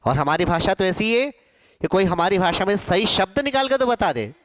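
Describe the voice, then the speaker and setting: A man teaching a Hindi class, slowly stretching and repeating syllables to drill pronunciation, and emphatically scolding students about common mistakes. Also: high voice, sing-song, fairly bright tone, dry recording, studio quality. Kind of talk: classroom lecture for exam students.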